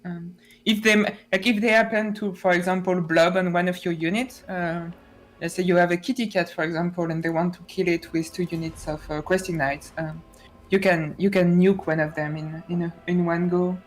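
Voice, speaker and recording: A woman's voice: lowish voice, fairly even intonation, normal speed. Woman esports caster, casual chatty commentary, frequent fillers. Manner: chatty, many fillers and restarts. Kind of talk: tournament commentary.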